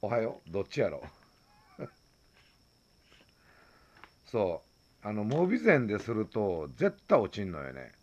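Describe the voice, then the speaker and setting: A man's voice: on the low side, huge pitch swings, measured pace, pauses often, dull audio. A man with a Kansai accent chatting loosely on a late-night phone live stream, greeting viewers and laughing often. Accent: Kansai Japanese.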